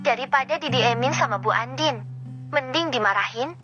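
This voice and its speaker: A woman's voice: high voice, moderate pace, bright, forceful tone. A woman voicing a clever, polite young male office boy who explains things patiently. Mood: calm. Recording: dull lo-fi with guitar music.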